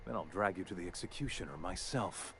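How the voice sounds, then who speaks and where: Pompous corporate villain. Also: male voice, sits low, a little fast, a bit bright, a little hiss or hum. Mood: contemptuous. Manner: haughty, contemptuous, cold threats. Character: pompous corporate executive villain, middle-aged man. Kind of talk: video game voice acting.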